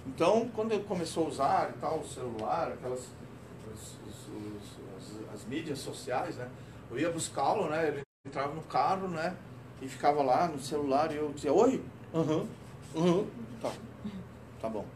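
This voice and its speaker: A middle-aged man delivers a lively lecture at a company event, leaning on tag questions as he tells his stories. His voice sits a bit high for a man. The recording is roomy and taken from far off, with a faint hiss underneath. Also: normal speed. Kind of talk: corporate safety-week talk. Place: company auditorium.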